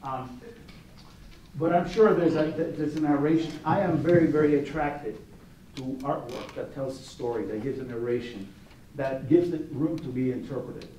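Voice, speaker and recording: A man's voice: medium pitch, moderate pace, warm tone, dull audio. A man serving as juror of an art competition, giving an informal gallery talk with many restarts and anecdotal asides. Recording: roomy echo, distant mic, faint noise.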